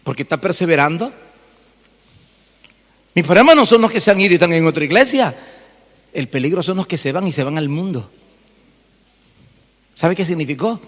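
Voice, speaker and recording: A male pastor preaching an animated sermon, firing off rhetorical questions and mimicking church members. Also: fairly high pitch, normal speed, long pauses. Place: church hall. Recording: long church reverb.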